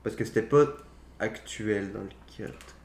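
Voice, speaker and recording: A young adult man co-hosts a podcast, chatting casually about films in a lowish, darkish, unhurried voice. He's opinionated and slangy, with some mild swearing. The room echoes and there's faint background noise.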